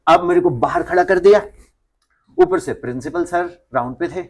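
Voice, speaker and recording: Speaking at normal speed in a high, gravelly voice, a male physics teacher animatedly tells his class a story and acts out the people in it. He mixes Hindi with English physics phrases as he goes.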